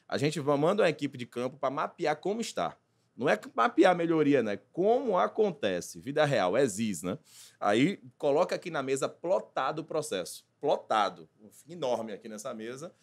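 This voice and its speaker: A man, a consultant talking as a podcast guest, animated and acting out little dialogues. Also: a little high, normal speed, vocal fry. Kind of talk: casual podcast conversation.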